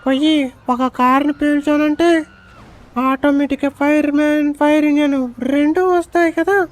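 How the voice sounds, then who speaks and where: A man voicing a cheeky, bossy little cartoon boy in a shrill, squeaky childlike voice, for a fan-dubbed game story. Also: steady tone, measured pace. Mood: brash. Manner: bossy, brash.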